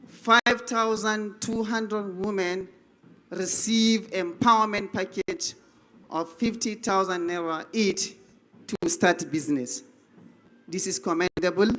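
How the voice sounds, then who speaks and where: A Nigerian man making a formal goodwill speech at a public forum, slow and emphatic, repeating his phrases like an orator. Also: sits high, pushed and bright. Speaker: government representative giving a goodwill message. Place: event hall.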